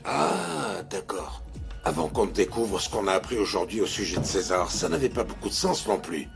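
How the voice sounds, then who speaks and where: A man's voice: lowish voice, sing-song, moderate pace, vocal fry, music in the background. An actor dubbing a suspicious man who insists something is wrong in a telenovela. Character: suspicious man voicing his doubts.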